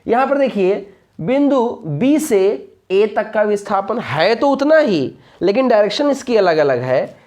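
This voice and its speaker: A man with a high, slightly mellow voice explains a physics lesson. He asks rhetorical questions and answers them himself, repeats the main points and keeps making sure his students are following.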